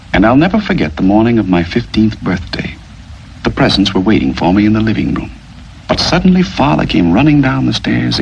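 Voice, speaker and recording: A man's voice: lowish voice, creaky, slight background noise, poor audio. An older man narrating his own youth with wry humour, in 1940s film style. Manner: wry, reminiscing. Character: old gentleman recalling his youth.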